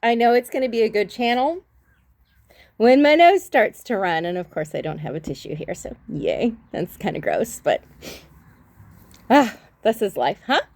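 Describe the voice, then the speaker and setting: A woman chats affectionately into her phone during a casual tarot livestream, rambling while she sets up her reading. Her voice is a little high and mellow, sing-song with vocal fry, at a moderate pace.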